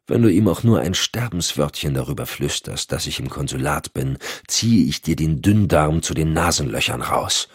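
A man's voice: a bass voice, expressive, moderate pace, hardly any pauses, slightly rough, dry recording, studio quality, exaggerated voice. A man voicing a hot-tempered, tough male agent who talks bluntly and threateningly. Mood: menacing.

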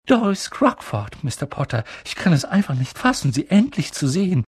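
A man's voice: fairly high pitch, sing-song, normal speed, husky, dry recording, studio quality. A man doing a fluttery doting old woman. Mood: starstruck. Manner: fluttery, gushing.

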